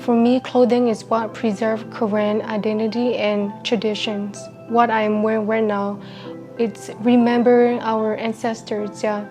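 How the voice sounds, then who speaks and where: A young woman from Burma narrating a documentary about her life in an earnest, measured, personal way. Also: on the high side, flat delivery. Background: music.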